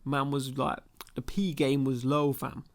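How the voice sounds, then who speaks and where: Gravelly man on a rant. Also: mid-range voice, little pitch movement, a little slow. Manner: exasperated, sarcastic ranting with slang. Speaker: podcast host. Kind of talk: casual comedic rant.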